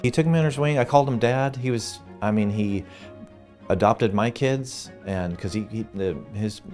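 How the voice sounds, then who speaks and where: A man with a low voice tells animated stories in a relaxed interview, laughing often and restarting his sentences. He sounds middle-aged, and faint music plays underneath. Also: normal speed. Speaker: funeral home co-owner, guest. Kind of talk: casual interview storytelling.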